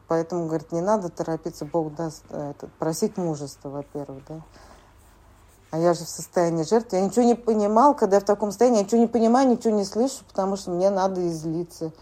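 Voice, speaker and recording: Woman in her 40s sharing at a support group, kinda low, halting with lots of fillers. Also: warm tone. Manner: halting, plain speech with many filler words. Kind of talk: sharing at a recovery group meeting.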